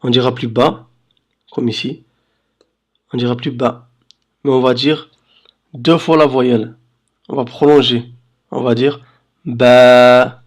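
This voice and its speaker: Slow, patient male teacher. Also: medium pitch, fairly even intonation. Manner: patient, checks understanding with "d'accord?"; drawls syllables slowly for demonstration. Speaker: Arabic reading teacher. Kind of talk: slow screen-recorded lesson.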